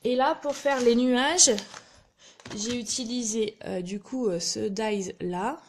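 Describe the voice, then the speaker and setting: A woman's voice: fairly high pitch, takes it slowly, slight background noise. A woman giving a live craft tutorial, chatting directly to her viewers and often apologizing for small slips. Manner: self-deprecating, apologizes often. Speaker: craft demonstrator.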